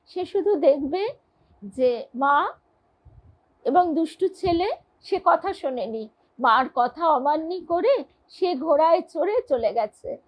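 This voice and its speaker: Slow, high-voiced woman reading devotional stories. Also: expressive, poor audio. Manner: measured, earnest storytelling. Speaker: reader of devotional texts.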